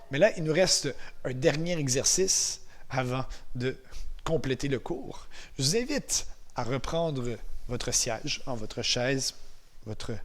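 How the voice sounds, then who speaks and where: A man with a Québécois accent teaching a martial arts class to viewers, encouraging them and counting the moves aloud. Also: a little high. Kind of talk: guided exercise class for viewers.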